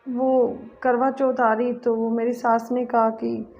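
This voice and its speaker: An actress playing a soft-spoken young married daughter who pleads gently in a family drama. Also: female voice, on the high side, little pitch movement, takes it slowly. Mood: hesitant. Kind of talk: amateur family short-film acting. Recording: dull lo-fi audio, soft music.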